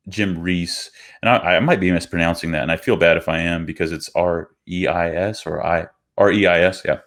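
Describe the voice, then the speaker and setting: A man with a very deep, low voice co-hosts a podcast, chatting casually over a video call. He tells his story in a relaxed, rambling way and fills his sentences with ums and restarts. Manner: relaxed and rambling, with many fillers. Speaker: podcast co-host.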